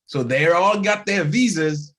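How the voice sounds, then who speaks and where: An unhurried, high-pitched man from Haiti, appearing as a guest actor, tells an animated story in a casual interview. He imitates the voices he quotes and often laughs at himself.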